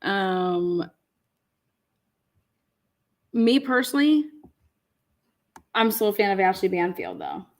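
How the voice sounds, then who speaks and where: Female co-host, casual stream chat, animated delivery, laughs a lot, salty language. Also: mid-range voice, slow, long pauses. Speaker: livestream co-host. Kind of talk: casual livestream chat reading viewer comments.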